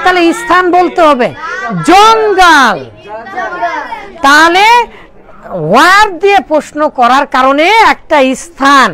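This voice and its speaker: A woman's voice: sits high, a bit bright. A woman teacher giving a classroom lesson, emphatic and repetitive, drawing out English example questions and quizzing the class with rhetorical questions.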